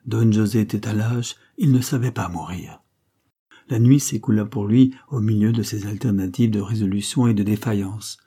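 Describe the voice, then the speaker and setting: A man narrating a classic novel as an audiobook, in a measured, dramatic storytelling manner. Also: on the low side, mellow, slightly rough. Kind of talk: scripted literary narration.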